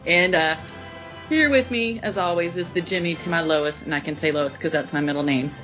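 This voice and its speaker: A woman's voice: fairly low pitch, brisk, fairly bright tone, soft background music. A woman chatting casually as a podcast host. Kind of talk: casual chat. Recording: slightly dull, compressed audio.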